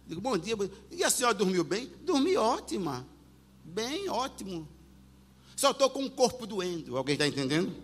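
A man preaching a sermon, telling a story with animated delivery, acting out voices and sometimes shouting. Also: high-pitched. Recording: long hall reverb with faint music.

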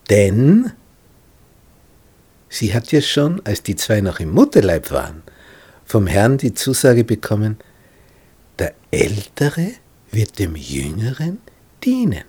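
A male preacher tells a Bible story in a sermon, swinging dramatically between loud speech and hushed whispers. His voice is low and husky, his pitch moves a great deal, and his pace is slow. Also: very animated.

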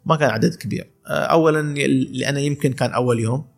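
Gravelly, fast-talking Emirati young man. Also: medium pitch. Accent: Emirati Arabic. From UAE, Khor Fakkan. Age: 20s. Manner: chatty storyteller, laughs often, restarts. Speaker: calligrapher guest. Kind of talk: casual podcast chat.

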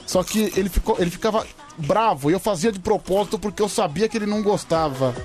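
A man co-hosting a casual chat show, teasing and joking with quick laughs. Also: high voice, darkish tone, faint music behind. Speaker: co-host. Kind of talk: casual podcast banter.

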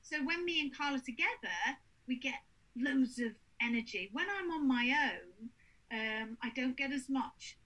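Lady ghost hunter, high voice, chatty and animated, acts out quotes. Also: measured pace, poor audio. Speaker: paranormal investigator. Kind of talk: casual chat.

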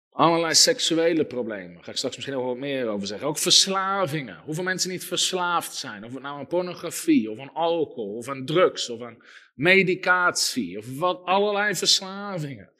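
Bright, emphatic high-voiced male preacher. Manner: emphatic, storytelling with lists and quoted dialogue. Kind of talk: sermon.

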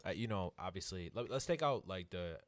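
A man's voice: low-pitched, animated, fairly quick, no room sound. An American man chatting casually with friends as he hosts, slangy and emphatic, often repeating himself for effect. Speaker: host of a group chat. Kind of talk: casual chat among friends.

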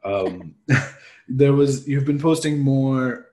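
A man's voice: medium pitch, lively intonation, takes it slowly, mellow. A man interviewing casually, feeling his way through loosely phrased questions with the odd Urdu word.

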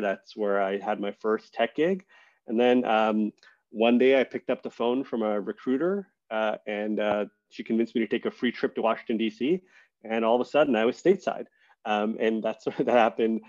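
Low-voiced man, relaxed podcast guest. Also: moderate pace, highs cut off. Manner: relaxed, thoughtful, many fillers and restarts. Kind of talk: casual interview conversation.

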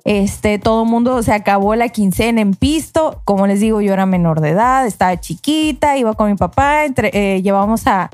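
A woman's voice: mid-range voice, normal speed, hardly any pauses, no echo, studio quality, faint music behind. A woman telling a long anecdote in casual podcast chat, acting out the voices of the people in it. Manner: animated, acts out voices in her anecdote. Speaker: podcast co-host telling a story.

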